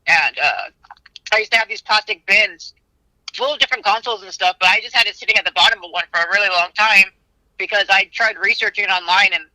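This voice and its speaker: A man's voice: sits high, quick pace, pushed and bright, no room sound, low-quality recording. A man in his thirties, calling in over a phone on speakerphone and telling a rambling, joking story with fillers. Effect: heard through a phone on speakerphone. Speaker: caller, console owner.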